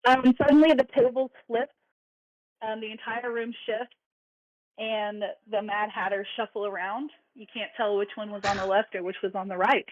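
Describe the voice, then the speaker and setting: A woman's voice: mid-range voice, fairly even intonation, normal speed, no echo. Woman game master, tinny phone-like sound. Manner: playful, laughing, with frequent fillers. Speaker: dungeon master. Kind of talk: narrating a tabletop game.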